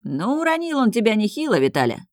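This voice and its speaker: Calm, sneering boss type, menace under the mockery, put on by the storyteller. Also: male voice, a little high, moderate pace, dry recording, studio quality. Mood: mocking. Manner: sharp, cold, sneering. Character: dangerously calm, mocking middle-aged crime boss.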